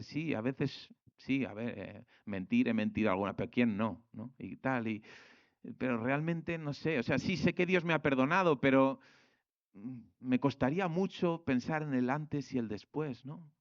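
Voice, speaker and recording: A young man from Spain preaching a sermon, colloquial and animated, acting out quoted voices. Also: mid-range voice, no room sound, lo-fi sound.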